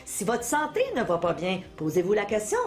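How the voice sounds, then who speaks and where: A middle-aged woman from Quebec with a Quebec French accent, an author and motivational speaker, is interviewed and explains self-help concepts conversationally, teaching by addressing listeners with questions and examples. Her medium-pitched voice swings widely and moves fairly quickly.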